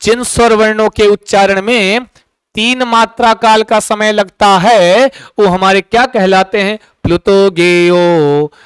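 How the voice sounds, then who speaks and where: A male teacher giving an exam coaching lecture in a lively way, often asking his students questions. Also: high voice, clean tone, dry recording, rough recording.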